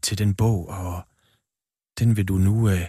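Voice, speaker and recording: A man's voice: deep voice, fairly even intonation, dark tone, breathy edge, no echo, clean studio sound. A man hosting a radio interview with a poet, prompting him with short encouraging remarks. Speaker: radio host.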